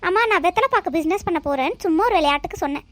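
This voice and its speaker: A defensive, sharp-tongued young cartoon husband who argues back and lectures, voiced by a woman. Her voice runs high for him. The sound is close and dry. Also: lively intonation, racing, no room sound. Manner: argumentative, lectures his wife.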